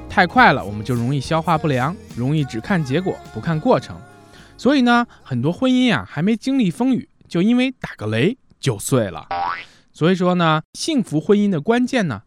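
A man with a high, bouncy voice hosts a relationship advice radio show. He explains each point in a chatty, lively way and acts out the lines he quotes. Soft music plays behind him. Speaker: radio host.

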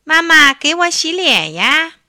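一位女士在故事朗读中扮演一只撒娇、爱耍赖的小猫咪，说话嘟嘟囔囔的。. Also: female voice, sits high, sing-song, measured pace, bright, forceful tone, no room sound, clean studio sound, pitched above the performer's own voice, full character voice. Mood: whiny. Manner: pouty, wheedling. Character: spoiled whiny little kitten. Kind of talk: storybook reading.

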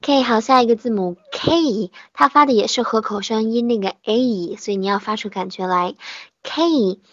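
A woman teaching English pronunciation in an online lesson, patiently modelling sounds slowly and repeating them. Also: a little high, dry recording, lo-fi sound.

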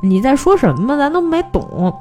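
A woman hosts a film podcast. She retells a movie plot in a casual, animated way and acts out the characters' lines. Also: sits high, normal speed, soft background music.

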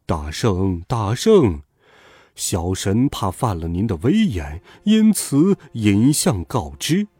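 A man voicing a timid male mountain-god disciple who pleads in a meek, hushed voice in a storybook reading. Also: medium pitch, big pitch swings, takes it slowly, husky, dry recording, heavily acted. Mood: timid pleading.

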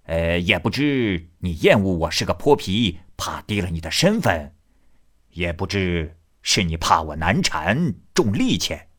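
A man voicing a loud, gruff, swaggering drunken moneylender in a storytelling reading. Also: low voice, big pitch swings, measured pace, full character voice. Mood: indignant. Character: drunken brawling male street moneylender, boastful.

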